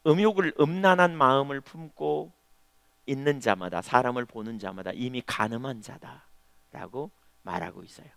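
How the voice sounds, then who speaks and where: A middle-aged man preaching a Sunday sermon as pastor, telling a personal story and sometimes stumbling over words when he speaks quickly. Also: medium pitch, vocal fry, no room sound. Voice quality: stammers when speaking fast. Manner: storytelling, swings between loud emphasis and quiet asides. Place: church sanctuary.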